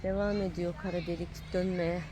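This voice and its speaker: A woman with a lowish voice, level tone, and normal speed films a child on an outdoor playground, keeping up playful running commentary as she cheers the child on and teases them. The home-video recording is noisy.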